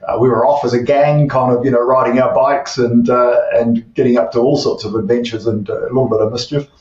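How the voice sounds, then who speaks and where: A man's voice: medium pitch, steady tone, fairly quick, darkish tone. A man in his fifties with a New Zealand accent, a tech CEO talking through his past as an interview guest, hesitant with many fillers and restarts. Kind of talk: casual interview chat. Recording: distant, dull, roomy remote audio.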